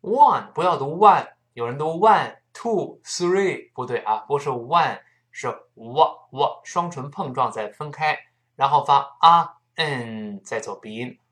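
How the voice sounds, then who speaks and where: Lively-voiced English pronunciation teacher. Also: mid-range voice. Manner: patient, demonstrates sounds slowly and repeats them. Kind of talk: spoken language lesson.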